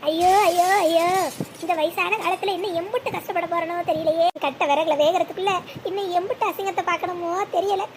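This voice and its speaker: Cartoon part: a woman plays a self-pitying old mother-in-law, shrill and high-pitched, with a noisy track behind. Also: steady tone, fairly quick. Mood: lamenting. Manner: lamenting, self-pitying wails. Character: elderly village mother-in-law, wailing over family shame. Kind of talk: Tamil cartoon dubbing.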